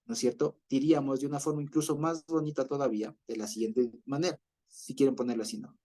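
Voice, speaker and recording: A man's voice: medium pitch, fairly even intonation, fast talker, warm tone. A man teaching an online Bible class over a video call, explaining patiently, often checking in with listeners and chuckling as he goes.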